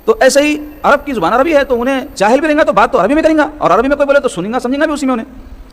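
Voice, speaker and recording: A man's voice: extremely high pitch, expressive. A man delivers a religious lesson in sermon style. He explains each point patiently, repeats key phrases and keeps asking his listeners questions. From Hyderabad, South India. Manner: explanatory, repetitive, asks rhetorical questions. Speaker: religious scholar teaching hadith.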